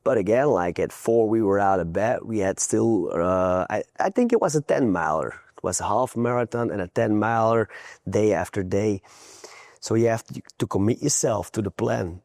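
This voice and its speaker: A man's voice: fairly low pitch, lively intonation, moderate pace, darkish tone, no echo, studio quality. A man from Belgium, a guest coach giving earnest, plain-spoken interview answers with frequent restarts.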